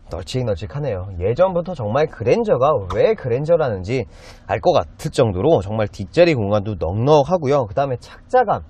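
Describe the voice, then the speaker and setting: Man, thirties, used car salesman patter, polite and enthusiastic, casual walkaround presenting, mid-pitched, very varied intonation. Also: warm tone. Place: inside a car and in an underground car park.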